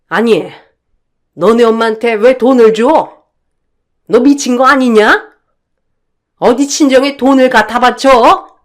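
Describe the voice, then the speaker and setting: A woman's voice: medium pitch, natural voice. A woman voicing a selfish, defensive young husband in storybook dialogue, accusing and angry.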